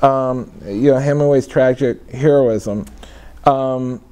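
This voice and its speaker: A middle-aged man interviewing an author, chatty and loose, prompting with quick asides in a small parlor-style room. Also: medium pitch, mellow, clean tone. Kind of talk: casual conversation.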